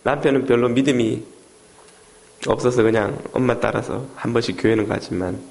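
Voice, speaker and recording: Gravelly-voiced pastor telling a story. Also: male voice, mid-range voice, fairly even intonation, moderate pace, a little mellow. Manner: dramatic storytelling that acts out the quoted voices. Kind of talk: sermon.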